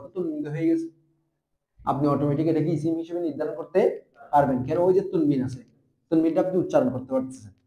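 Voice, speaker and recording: A young man with a Bangladeshi Bengali accent teaching a grammar lesson, asking questions and answering them himself, and repeating terms slowly. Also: fairly high pitch, a little mellow, roomy sound. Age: young adult. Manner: spells out letters and repeats terms.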